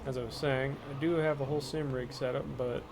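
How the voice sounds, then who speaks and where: Streaming a racing game from home, a man offers low-key, fairly quick, monotone commentary that rambles, keeping his voice down for others in the house. The cheap microphone makes the recording noisy, with game sound mixed in.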